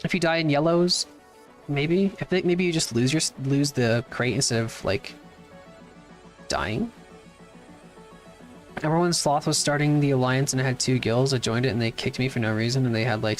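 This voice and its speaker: A man with a mid-pitched voice chats easily while streaming a game, answering chat in a relaxed, offhand way. Faint music plays behind him. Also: moderate pace. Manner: laid-back, chatty, reads chat aloud and answers. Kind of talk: casual livestream chat while playing.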